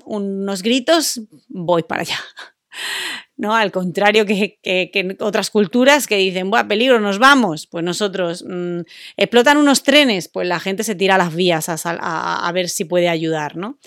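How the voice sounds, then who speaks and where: A woman tells a personal story in a chatty, rambling way, filling pauses with small sounds. Her voice sits at an ordinary middle pitch. The recording is close and dry, with no room sound. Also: no room sound. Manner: chatty, hesitant with many fillers. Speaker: podcast co-host. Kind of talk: casual storytelling.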